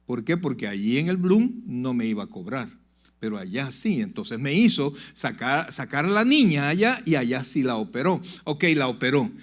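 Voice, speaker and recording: A man preaching a sermon to his congregation, swinging from loud emphatic peaks to low confiding asides and calling out "brother" to the listeners. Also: big pitch swings, normal speed. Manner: addresses the congregation directly, "brother". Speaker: pastor. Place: church sanctuary.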